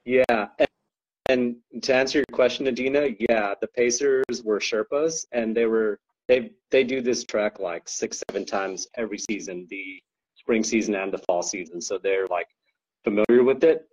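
A man with a lowish, husky voice talks loosely as a podcast guest. He rambles through his story with plenty of ums and likes. The audio is dull and lo-fi. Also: moderate pace, a little mellow. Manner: rambling, full of ums and likes, laughs often. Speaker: guest co-owner describing an ultra race. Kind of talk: casual podcast chat.

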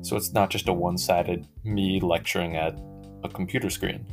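A young man hosting a podcast on his own, telling a story in a monotone, casual way with faint guitar music behind. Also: low-pitched, moderate pace, gravelly. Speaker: podcast host.

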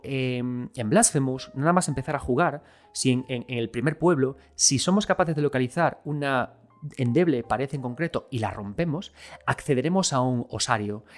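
A man's voice: mid-range voice, a little mellow. Brief: male game commentator from Galicia, chatty and enthusiastic, faint music underneath. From Galicia, Spain. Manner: enthusiastic, conversational, addresses viewers directly. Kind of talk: casual spoken game review.

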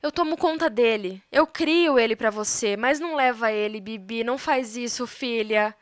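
A woman's voice: on the high side, moderate pace, dry recording, studio quality, close to an everyday voice. A woman playing a sobbing, begging grandmother. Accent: Brazilian Portuguese. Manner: pleading, sobbing. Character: heartbroken grandmother begging her daughter.

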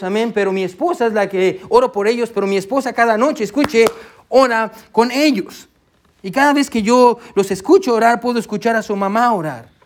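Pastor de voz aguda predicando. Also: male voice, high-pitched. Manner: warm, conversational preaching with frequent "amén" and "hermano". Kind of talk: sermon. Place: church sanctuary.

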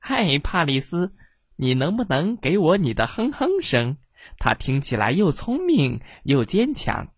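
A woman voicing an eager young male turkey in a storybook, coaxing and pleading in a raised, bright voice. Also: sing-song, measured pace, husky, no room sound, studio quality, heavily acted. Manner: bright, coaxing, higher than narration.

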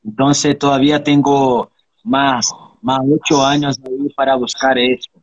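A Brazilian man in his thirties who practices capoeira is interviewed casually, speaking earnestly and reflectively and often ending his thoughts with a question. His mid-range voice is flat and a little slow, and the recording sounds muffled.

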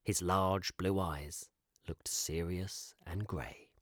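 A man narrating a children's storybook in an expressive, measured way. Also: low-pitched, dry recording, clean studio sound.

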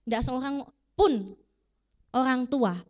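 Brief: high-pitched woman preaching a sermon, casual and animated, quizzing her congregation. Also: slow.

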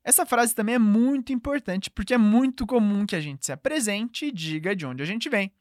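A woman teaching a language lesson, clear and patient, slowing down to model each phrase. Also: medium pitch, animated, a little mellow, no echo, studio quality. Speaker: French teacher.

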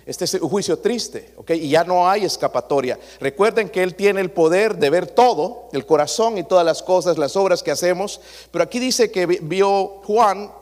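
A male pastor preaching a sermon to his congregation, swinging between loud emphatic passages and quiet asides. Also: high voice. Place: church sanctuary. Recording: long hall reverb.

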